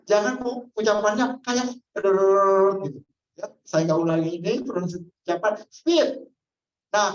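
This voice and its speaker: A woman trainer giving a customer-service training lecture and quizzing the audience as she goes. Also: mid-range voice. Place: training hall. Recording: echoey, dull lo-fi room sound.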